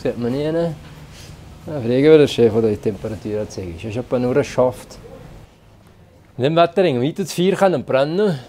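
A man's voice: mid-range voice, animated, fairly quick, long pauses, mellow, a little hiss or hum. Blunt teasing Swiss German man in his 60s. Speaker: restaurant tester host. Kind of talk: casual on-camera chat. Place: outdoors in a mountain village, then hotel rooms.

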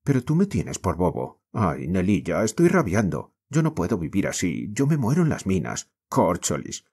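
A man's voice: sits low, wildly swooping pitch, moderate pace, a little mellow, husky, exaggerated voice. A man with a Spain accent voicing a restless, despairing mining boy in an audiobook, with impassioned, frustrated outbursts. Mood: desperate, pleading. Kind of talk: audiobook character reading.

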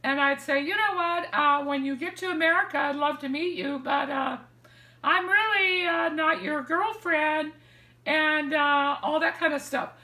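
Older woman, very high bright voice, animated storyteller, roomy living room sound. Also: unhurried. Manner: animated, acts out quoted lines with hand gestures. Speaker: vlogger sharing dating advice. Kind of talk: casual storytelling to camera. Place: living room, seated in armchair indoors. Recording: echoey room.

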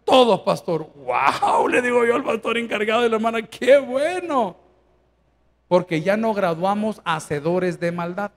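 A man preaching a sermon as pastor, firing rhetorical questions and swinging from hushed to shouting. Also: sits high, moderate pace.

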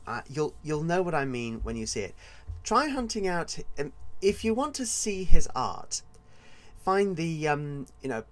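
A man hosting his own podcast as an author, talking in a casual, rambling and digressive solo monologue. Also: medium pitch.

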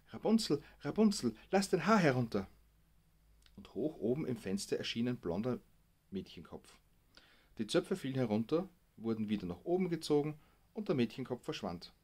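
A man reading a bedtime story aloud for children in an expressive storytelling way. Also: lowish voice, husky.

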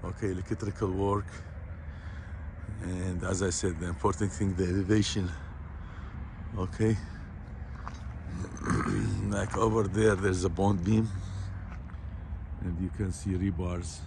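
A man walking a construction site and explaining the work in plain, halting, repetitive phrases, recorded on a handheld phone outdoors. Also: low-pitched, flat delivery, creaky, noisy background. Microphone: phone camera held by the speaker.

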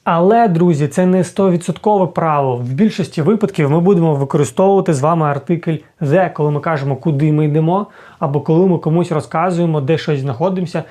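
A man teaching an English lesson, patiently explaining and repeating sounds slowly to demonstrate them. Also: fairly high pitch, warm tone.

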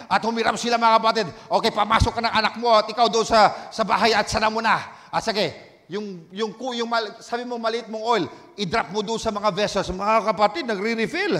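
A male pastor preaching a sermon in Tagalog and English, swinging between shouted exhortation and hushed storytelling, with frequent amens. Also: high voice, steady tone, a little fast, big-room sound. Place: church.

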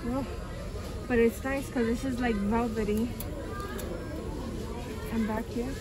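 A woman's voice: a little high, fairly even intonation, slow. A woman chatting enthusiastically while browsing merchandise in a store for a shopping vlog. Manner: enthusiastic, pointing things out. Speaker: vlog co-host. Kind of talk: casual shopping vlog chat. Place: large indoor retail store. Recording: loud store music behind.

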